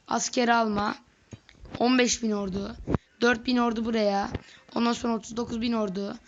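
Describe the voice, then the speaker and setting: A woman doing let's play commentary on a strategy game, excitable and slangy, often yelling at the game. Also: fairly high pitch. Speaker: gaming video creator. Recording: lo-fi with faint noise.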